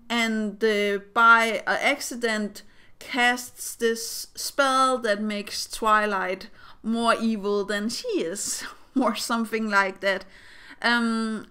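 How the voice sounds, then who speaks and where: A woman's voice: fairly high pitch, pushed and bright, clear, resonant tone. A young woman giving casual fan theory commentary as a vlogger, rambling with hesitant phrasing.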